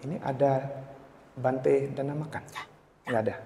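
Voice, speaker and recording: A man's voice: medium pitch, little pitch movement, measured pace, vocal fry, mellow, slight background noise. A man giving a Buddhist dharma talk in a meditation centre hall, in a chatty, anecdotal way, acting out the voices of the people in his story. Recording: echoey hall with long reverb.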